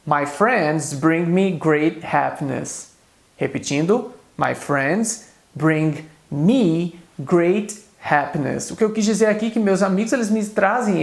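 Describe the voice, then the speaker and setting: Brazilian guy teaching english online, talks fast then says example sentences real slow, roomy echo. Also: high voice, a little mellow. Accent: Brazilian Portuguese. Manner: explains in quick Portuguese, says English examples slowly and carefully. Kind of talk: video lesson.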